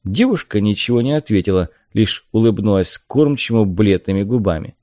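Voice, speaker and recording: With a lowish voice, a male narrator reads an audiobook in a measured yet expressive storytelling manner. The recording is dry and studio-clean.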